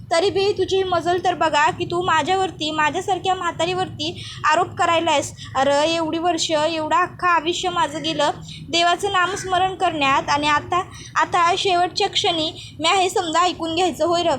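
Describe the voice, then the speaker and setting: A woman's voice: extremely high pitch, fairly bright tone, slight background noise. A woman voicing a quarrelsome old village grandmother who wails and scolds in rustic speech. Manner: wailing rustic dialect, scolding.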